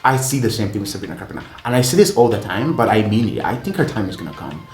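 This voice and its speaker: A man giving excitable, gushing commentary while reacting to an album, swearing freely as he talks. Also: on the low side, quick pace. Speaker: music reaction vlogger. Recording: roomy echo with faint music playing.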